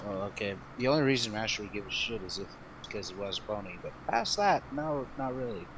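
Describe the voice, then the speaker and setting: A man playing a tabletop game, talking in a halting, jokey way. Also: on the low side, animated, noisy background. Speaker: player.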